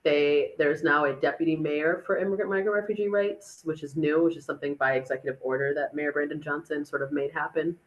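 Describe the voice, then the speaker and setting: A woman's voice: deep voice, fairly even intonation, fairly quick, few pauses, muffled recording. A woman answering audience questions at a tech meetup, casual and chatty with many fillers and restarts. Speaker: speaker on a city dashboard, chief of staff.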